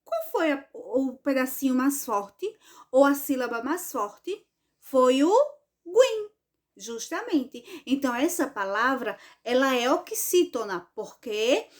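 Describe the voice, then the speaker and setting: A woman teaching an online grammar lesson for children, speaking in a drawn-out, sing-song way and often checking with "right?". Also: high voice, expressive.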